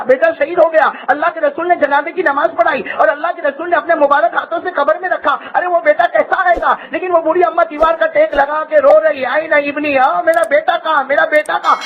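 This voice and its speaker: A male preacher telling an emotional story as a sermon, impassioned and sometimes shouting, calling on the crowd to repeat after him. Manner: call-and-response, urging the crowd to repeat. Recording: muffled low-fidelity recording.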